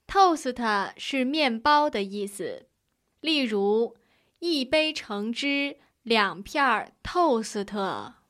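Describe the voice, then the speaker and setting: Slow, lilting strict tutor, drills each line. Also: female voice, a little high, expressive, fairly bright tone. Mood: instructive. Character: strict young female Chinese tutor. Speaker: tutor in a lesson dialogue.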